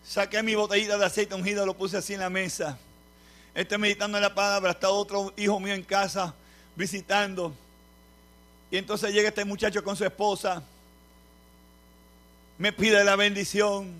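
A man with a Puerto Rican accent preaching a sermon as a pastor, telling a testimony with fervent, repeated phrases that swell into shouts. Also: sits high, level tone, moderate pace, long pauses. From Puerto Rico.

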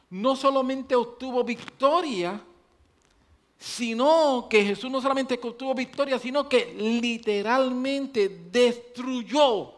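High-voiced man preaching a sermon. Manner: swings from loud emphatic preaching to low quiet speech; repeats phrases for emphasis. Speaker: pastor.

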